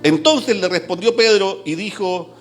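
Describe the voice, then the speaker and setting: A man preaching a sermon in a church. He reads scripture aloud in an animated way and jokes with the congregation. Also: high voice, measured pace, soft background music.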